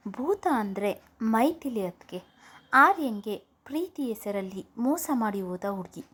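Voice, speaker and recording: An earnest, pleading young man, a loyal friend in a storybook tale, as a woman narrator reads his part. The voice sits a touch high. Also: expressive, measured pace, fairly bright tone, slightly rough, full character voice.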